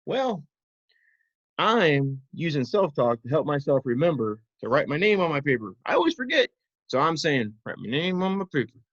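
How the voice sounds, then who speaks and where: A man's voice: fairly high pitch, very animated, moderate pace, a bit bright, dry recording, dull audio. A man voicing a friendly, forgetful puppy puppet for children, talking in a simple, earnest, childlike way. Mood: eager, earnest.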